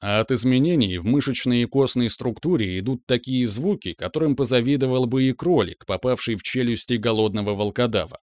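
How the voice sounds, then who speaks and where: Guy reading an audiobook, mid pitch, dry close sound. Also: fairly quick, hardly any pauses, a little mellow, dry recording. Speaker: audiobook narrator. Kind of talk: dramatic audiobook narration.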